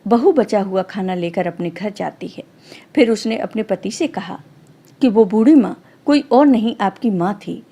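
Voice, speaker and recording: A woman calmly narrating a devotional folk story as a storyteller. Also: mid-range voice, normal speed.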